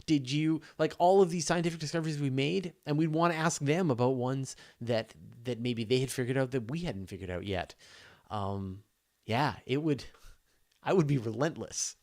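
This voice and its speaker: A man hosts a casual live astronomy Q&A, walking through explanations step by step with an enthusiastic, conversational energy. His voice sits at medium pitch, a little mellow, and he speaks at a normal speed.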